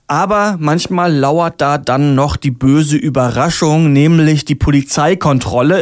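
A male radio host introduces the next act in a chatty, upbeat way. His voice sits a little higher than most men's.

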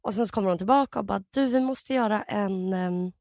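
A woman's voice: mid-range voice, gravelly, darkish tone, dry recording, clean studio sound. A young woman co-hosting a podcast, telling a story animatedly with lots of fillers and acted-out quotes. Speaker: podcast co-host.

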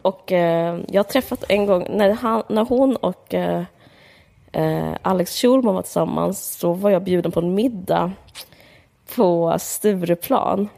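A woman co-hosting a podcast chats casually about a book, rambling with lots of fillers and speaking candidly and mockingly. Her voice is fairly low, creaky, and dark in tone.

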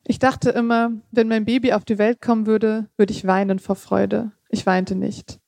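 A woman reads her own literary prose aloud, measured and steady, now and then slipping and correcting herself. Her voice is mellow and warm rather than bright. The sound is dry and close, with no room echo. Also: mid-range voice, gravelly. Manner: measured reading with occasional slips and casual asides. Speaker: author reading her own text.

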